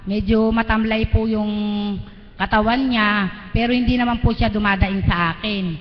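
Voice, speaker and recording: A woman's voice: a little high, steady tone, moderate pace. Earnest woman testifying in an echoing hall. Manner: earnest and deferential, retelling events step by step. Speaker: church member giving a testimony. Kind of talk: live spoken testimony. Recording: dull lo-fi livestream audio in a reverberant hall, faint noise.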